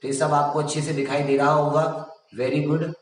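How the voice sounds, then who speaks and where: A man teaching a general science class online, reading out quiz options slowly and praising his students often. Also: on the high side, little pitch movement, heavy reverb, big-room sound, recorded from a distance, rough recording.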